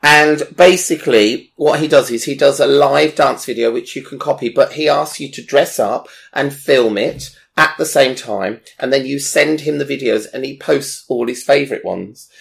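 A man's voice: mid-range voice, moderate pace, creaky, hardly any pauses. A man chatting enthusiastically as a presenter, rambling with fillers as he recommends people. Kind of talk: casual chat recommending online creators.

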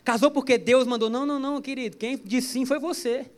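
A man's voice: very high voice, steady tone, a little fast. A man preaching a sermon to a church service, chatty and joking, with stories woven in. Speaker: pastor.

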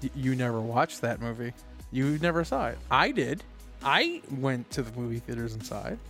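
A man's voice: medium pitch, sing-song, moderate pace, a bit bright, soft background music. A man co-hosting a podcast in casual chat, firmly steering his partner back on topic. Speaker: podcast co-host.

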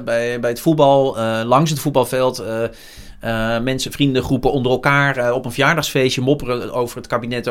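A news journalist in his forties speaks at a medium pitch in a candid interview. He talks frankly and reflectively, often pausing with hesitations.

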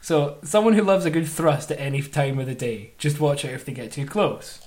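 A man's voice: fairly high pitch, a little fast, darkish tone. A man co-hosting a podcast, chatting casually and reading things aloud with a joking tone. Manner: jokey, reads aloud playfully. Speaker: podcast host. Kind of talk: casual chat.

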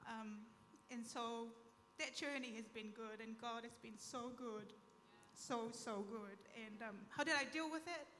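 A woman from Tonga sharing a heartfelt church testimony in a soft-spoken way. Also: fairly high pitch, unhurried, hardly any pauses, big-room sound, slight background noise. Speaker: panel speaker at a church event. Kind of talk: testimony talk.

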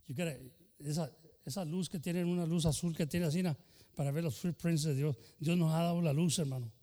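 Older pastor preaching passionately in a hall. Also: male voice, on the high side, fairly even intonation, brisk, dark tone. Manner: impassioned, switching between Spanish and English. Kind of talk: bilingual sermon.

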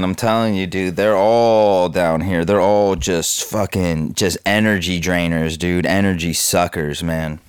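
Young man from Southern California, slangy cynical vlogger, lower pitch. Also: clear, resonant tone. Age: 20s. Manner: laid-back, slangy, cynical, full of fillers. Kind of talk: casual rambling monologue.

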